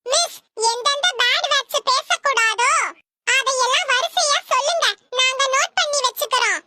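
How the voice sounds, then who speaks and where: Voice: extremely high pitch, normal speed, bright, forceful tone, a little hiss or hum, exaggerated voice. A performer voicing a cheeky wisecracking schoolboy who talks back to his teacher in a comedy cartoon.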